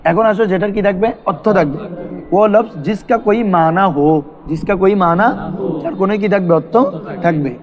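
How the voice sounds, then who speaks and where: A man's voice: high-pitched, moderate pace, muffled recording. A man teaching a classroom grammar lesson, asking his students questions and repeating terms for them to answer. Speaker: madrasa teacher.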